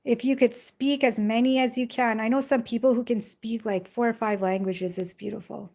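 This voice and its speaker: Speaking at normal speed in a steady, slightly mellow voice on the higher side, a young Jamaican woman chats casually on a live stream. She reads comments from viewers, rambles, and often says "like" and "you know," all into a phone in her hand.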